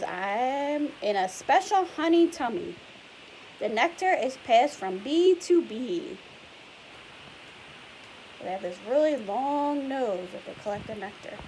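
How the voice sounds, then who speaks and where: Poor audio with obvious hiss and noise captures a woman with a high, slightly mellow voice reading a picture book to young children. She patiently explains it in plain words and puts questions to the listener.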